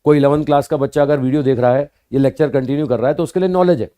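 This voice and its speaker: A man teaching physics to students, explaining slowly and repeating points, often asking rhetorical questions and answering them himself. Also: mid-range voice, dark tone, clear, resonant tone. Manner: addresses students as "bhaiya" and "sahab". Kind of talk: classroom lecture.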